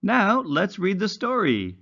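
A man's voice: high voice, huge pitch swings, takes it slowly, vocal fry, bright, forceful tone, lo-fi sound. A man teaching young children in a read-along lesson, enunciating carefully with exaggerated, instructional intonation. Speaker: English teacher for young learners.

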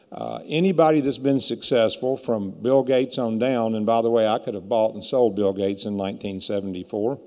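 Man, fifties, hoarse and rough, dark tone, plain-spoken motivational speaker, reverberant indoor hall. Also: mid-range voice. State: hoarse from yelling all day. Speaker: keynote speaker, entrepreneur. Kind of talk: motivational keynote speech. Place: indoor brick-walled event venue, on stage. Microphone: stand microphone at lectern. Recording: echoey hall with long reverb.

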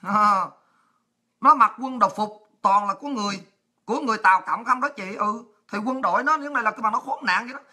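A woman with a Southern Vietnamese accent, hosting a livestream and delivering a crude, taunting political rant with frequent shouting. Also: on the high side, fairly quick. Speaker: livestream host.

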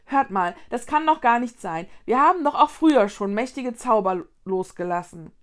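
A woman's voice: on the high side, animated, normal speed, natural voice. Woman voicing bold young witch girl. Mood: insistent. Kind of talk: children's storybook reading.

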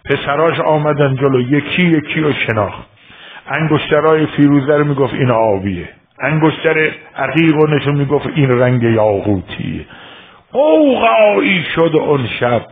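A man from Iran delivers a religious sermon, telling a story in an emotive way that shifts from hushed to fervent. His voice sits at a middling pitch for a man. The recording sounds thin and tinny, like a phone line. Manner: emotive, swings from quiet to crying out. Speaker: preacher.

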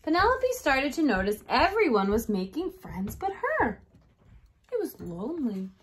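In a small, decorated indoor room, a kindergarten teacher in her thirties reads a story aloud and asks the young children check-in questions. Her high voice swoops wildly in pitch at a measured pace, with slight background noise.

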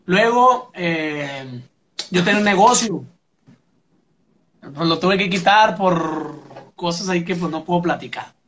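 A man's voice: sits high, measured pace, pauses often, a bit bright, slight background noise. A young Mexican man, a musician, telling his story in a casual interview, full of fillers and "pum" sound effects.

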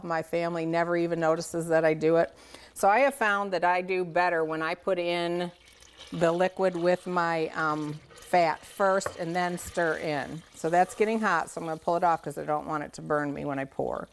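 A middle-aged cooking show host speaks in a clean-toned voice on the low side. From her home kitchen indoors, she gives a casual demonstration, talking straight to viewers in a chatty, folksy, enthusiastic manner.

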